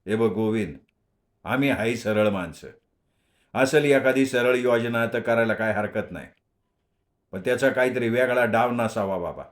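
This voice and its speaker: A man's voice: mid-range voice, normal speed, pauses often, lightly acted. A man voicing a blunt, grumbling middle-aged village schoolmaster in a storybook reading. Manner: earnest, grumbling.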